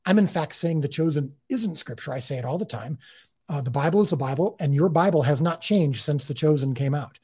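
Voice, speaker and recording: Man, husky voice, somewhat high pitch, earnest interview talk, lots of restarts. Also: expressive, fairly quick, warm tone. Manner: earnest, many restarts and repeated words. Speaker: creator of a faith-based TV series, interview guest.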